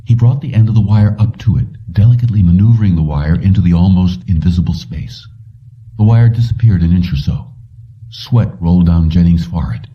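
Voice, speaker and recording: A man narrates a science fiction story aloud in scripted audiobook style. The audio sounds distant, dull, and low-fidelity.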